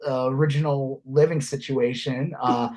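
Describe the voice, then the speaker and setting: Animated laughing male podcast host. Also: medium pitch, normal speed, a crowd in the background. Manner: animated storyteller, swears, laughs often. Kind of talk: casual chat.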